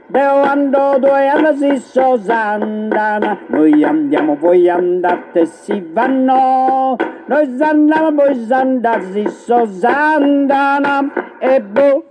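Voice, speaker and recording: A man chanting a comic verb drill in a slow, droning way. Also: very high voice, full character voice. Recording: loud music under the voice.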